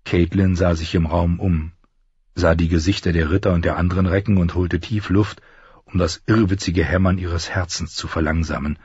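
A man narrating an audiobook in an expressive storytelling manner, doing all the voices. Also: low-pitched, normal speed, breathy edge, no echo, highs cut off. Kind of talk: scripted narration.

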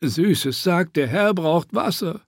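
A man voicing a sly, sharp-tongued male dwarf slave who switches between mocking orders and servile pleading, in an audiobook. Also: fairly high pitch, lively intonation, slow pace, no room sound, studio quality, pitched above the performer's own voice, exaggerated voice. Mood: wheedling. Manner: alternates sarcastic orders with servile begging.

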